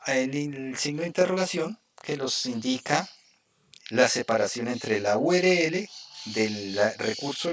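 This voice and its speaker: A man's voice: on the high side, a little hiss or hum. Man teaching a live coding lesson. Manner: explains step by step, often checking in with "¿cierto?" and "¿ok?". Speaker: programming instructor.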